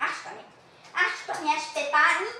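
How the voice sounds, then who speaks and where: A man's voice: very high voice, sharp tone, heavily acted. A man voicing a scheming, unfaithful young wife in a shadow puppet play, talking in a sweet, coaxing way. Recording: very echoey, heard from a distance.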